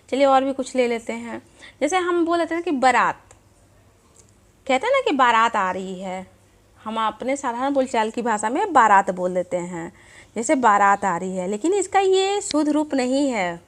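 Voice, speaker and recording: A woman teaching a grammar lesson, repeating example words slowly as she explains. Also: high-pitched.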